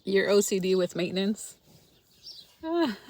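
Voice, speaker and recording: Hosting a frugal-living channel, this middle-aged Los Angeles woman reads out viewer comments on a relaxed livestream, addressing viewers by name and laughing a lot. She has a mid-range, somewhat dark voice with lively intonation, speaking at a measured pace.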